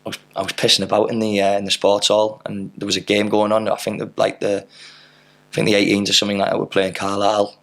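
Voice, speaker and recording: Gravelly, flat-voiced man. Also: fairly low pitch, quick pace. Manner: rambling anecdotes with fillers and mild swearing. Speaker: podcast guest, footballer. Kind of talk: casual interview storytelling.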